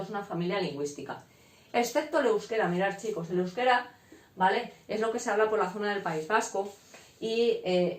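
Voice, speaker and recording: Teacher explaining in an echoey room. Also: female voice, mid-range voice. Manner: frequent "¿vale?" check-ins, explanatory. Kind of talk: casual classroom lecture.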